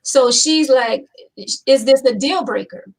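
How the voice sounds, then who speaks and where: A woman's voice: sits high, slow pace, distant mic, poor audio. A woman hosting a casual talk show, chatty and opinionated, repeating points for emphasis. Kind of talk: casual chat.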